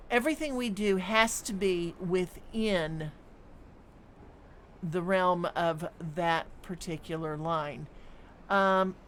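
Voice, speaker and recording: Slightly low and a little bright, this woman's voice comes through with faint background noise. She narrates her city-building game live on stream, musing as she plays and filling pauses with hums and ums.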